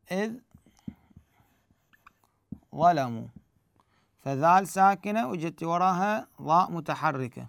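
A man's voice: on the high side, gravelly, no echo, clean studio sound. A man teaching the rules of recitation, explaining step by step and answering his own questions. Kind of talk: tajweed lesson.

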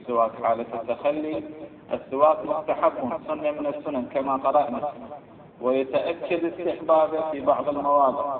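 A man's voice: fairly high pitch, fairly even intonation, a little fast, a crowd in the background. A man teaching a religious text, reading it out line by line, spelling out letters and vowels and repeating words as he explains. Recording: tinny phone-like line, echoey room.

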